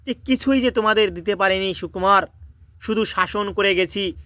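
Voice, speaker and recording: A gentle old schoolmaster whose voice goes soft and choked as he speaks to a former pupil, read by a man. The voice sits fairly high and bright, quieter than the reader's own talk. The recording is close and dry. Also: normal speed, dry recording. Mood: wistful. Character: elderly male schoolmaster, tender and tearful.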